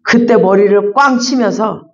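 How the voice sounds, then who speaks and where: A woman pastor preaching in a chatty, animated storytelling manner, full of repeated fillers. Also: medium pitch, unhurried. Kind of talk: storytelling sermon. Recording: dull lo-fi recording.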